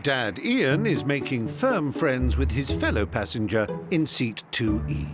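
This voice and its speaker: A man's voice: medium pitch, sing-song, measured pace. A man narrating a television documentary from a script in a playful, wry way. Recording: voice-over on music bed.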